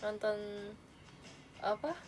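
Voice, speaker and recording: A young woman chatting casually on a livestream, halting and giggly, with a lisp on her r sounds. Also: mid-range voice, darkish tone. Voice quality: lisping, imprecise r sound. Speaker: idol livestream host. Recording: faint background noise.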